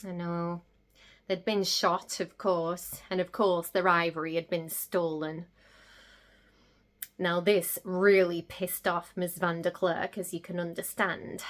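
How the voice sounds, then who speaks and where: An actress playing a gossipy, excitable young vlogger, gushing and gasping as she talks in a comedic monologue. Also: on the low side, slow. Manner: gushing, gossipy, breathless gasps and squeals.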